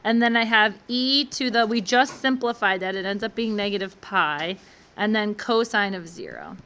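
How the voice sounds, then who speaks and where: Bright-voiced woman teaching math class. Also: medium pitch, expressive, normal speed, clean tone. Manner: encouraging, walks through steps with questions. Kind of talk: classroom lecture.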